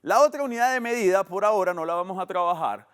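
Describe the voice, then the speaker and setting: Animated Colombian math teacher, man. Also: sits high, fast, clear, resonant tone. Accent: Colombian Spanish. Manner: animated, explains step by step with demonstrations. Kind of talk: educational TV math lesson.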